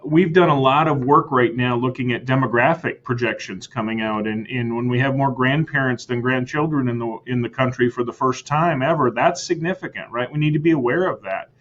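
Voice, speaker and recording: An American man speaks as a school superintendent in a podcast interview. His voice sits at a middle pitch, and the audio sounds slightly dull. He talks earnestly, restating his points and checking in with "right?". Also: a little fast, few pauses, a bit bright. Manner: earnest, repeats words, tags lines with "right?".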